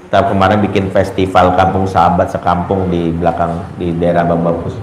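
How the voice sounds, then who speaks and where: A man's voice: low voice, a little fast. A male Islamic preacher gives a parenting talk, telling stories and acting out the dialogue in them. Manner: lively storytelling, acts out dialogue in quoted voices. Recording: echoey room with faint ambient noise.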